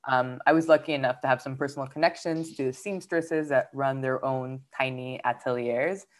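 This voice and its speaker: Very low-voiced woman, casual and chatty. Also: moderate pace. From Peru. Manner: relaxed, filler-heavy, lots of "like" and "um". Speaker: fashion brand founder. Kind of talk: casual interview chat.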